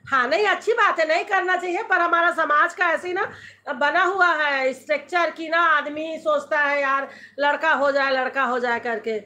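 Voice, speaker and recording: Bright high-voiced Chhattisgarhi woman chatting. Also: moderate pace. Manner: chatty, switching between Hindi and dialect, reading out comments. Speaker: live-stream host. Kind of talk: casual live-stream chat with viewers. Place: home.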